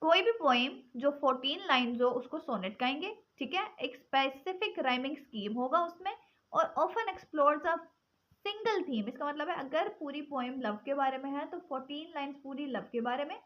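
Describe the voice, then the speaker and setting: A woman teaching English poetry forms, switching between Hindi-Urdu and English and reading English definitions slowly. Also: high voice, animated. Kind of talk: explaining poetry forms in a lesson. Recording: dull lo-fi sound.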